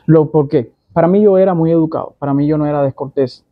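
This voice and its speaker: A man's voice: fairly high pitch, fast, no echo, narrow, tinny audio. A young man with a Cuban Spanish accent, talking casually to camera as a vlogger and explaining things with many asides and examples. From Cuba.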